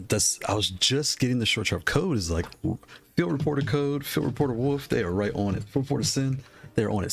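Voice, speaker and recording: On a live stream, a man with a lowish, creaky voice worn from losing it chats casually and rambles. He greets and shouts out viewers in chat and laughs often.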